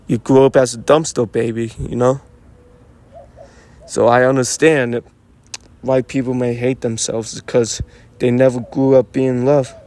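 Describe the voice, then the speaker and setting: A man's voice: medium pitch, flat delivery, unhurried, pauses often, darkish tone. A man in a casual unscripted monologue, musing aloud and rambling, swearing freely and restarting his sentences. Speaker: vlogger talking to himself.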